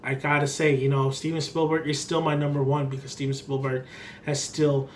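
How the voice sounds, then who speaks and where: A man's voice: fairly high pitch, flat delivery, fairly quick. A man giving a casual, unscripted film review in a rambling, emphatic way, often repeating himself. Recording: clearly noisy background ambience.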